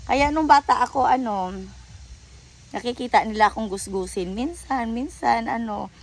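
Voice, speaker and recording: Outdoors beside a river, a woman with a Filipino accent vlogs in a fairly high voice at a normal pace. She rambles chattily in a mix of English and Tagalog, full of fillers and self-corrections.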